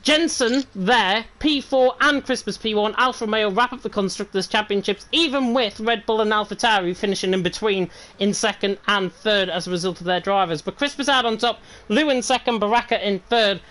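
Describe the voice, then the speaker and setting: A woman's voice: medium pitch, a little fast, hardly any pauses, a bit bright, low-quality recording. A woman commentating live on an online racing league, chatty and upbeat as she runs through the results. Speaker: race commentator. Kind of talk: live esports race commentary.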